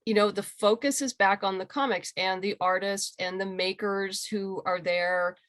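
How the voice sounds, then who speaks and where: Heard through a video call microphone with studio-quality, echo-free sound, this woman speaks in a steady, slightly bright mid-range voice at a moderate pace. She is an interview guest who writes and creates comic books. Her talk is casual, emphatic, and eager.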